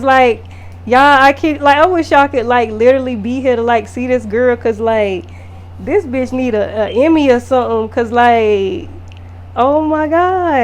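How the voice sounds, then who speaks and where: Woman vlogger, storytime, profane, animated, slightly high voice. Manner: animated, profane, lots of fillers. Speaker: makeup artist and vlogger. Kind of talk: casual storytime vlog.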